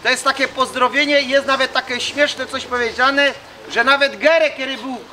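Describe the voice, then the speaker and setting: A man's voice: very high-pitched, fairly even intonation, normal speed, pushed and bright. A man with a Silesian accent giving an informal public talk in dialect as a reenactor. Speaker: mining reenactment group member addressing visitors. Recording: noisy outdoor ambience.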